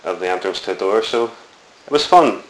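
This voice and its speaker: Speaking fairly quickly with lively intonation, a middle-aged Belfast man from Northern Ireland recounts his childhood for an oral history interview. His voice sits low and is a bit bright, and his storytelling meanders thoughtfully with many fillers. There's echo and a faint hiss in the room.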